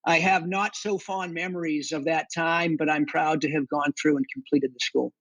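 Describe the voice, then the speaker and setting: A man's voice: a little high, fairly even intonation, moderate pace, fairly bright tone, no room sound, rough recording. A middle-aged man with a Boston accent, telling his experiences conversationally as an interview guest, in a matter-of-fact way. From Boston area, United States. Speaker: interview guest, army veteran and section hiker.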